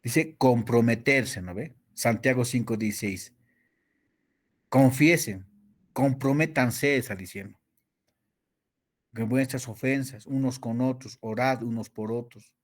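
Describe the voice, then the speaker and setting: Speaking in a mid-range voice, a Bible teacher runs a theology class, quizzing students and reading verses aloud while drawing out important words slowly for emphasis.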